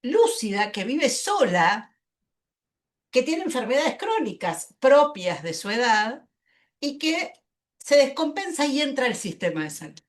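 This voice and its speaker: A health-rights lawyer with an Argentine accent gives a spontaneous panel presentation in a high, very animated voice. She's emphatic and deliberate, repeating words as she builds her point.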